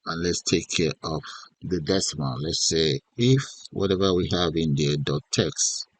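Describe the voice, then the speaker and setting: A man giving an unscripted software tutorial as an instructor, thinking aloud in short instructional fragments. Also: low voice, dry recording, low-quality recording. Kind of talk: unscripted step-by-step screen tutorial narration.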